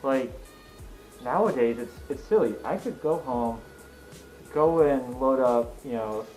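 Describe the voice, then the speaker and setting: A man's voice: medium pitch, expressive, a little slow, darkish tone, poor audio. A man chatting casually about cars in an emphatic, explanatory, jokey way. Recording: music in the background.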